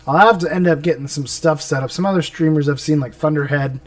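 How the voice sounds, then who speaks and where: A man's voice: fairly high pitch, fast, no room sound. A man streaming himself painting miniatures, chatting casually and muttering to himself as he works. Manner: rambling, talks to himself as he works. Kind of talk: casual live-stream chat while painting. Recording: mic a bit far off, music behind.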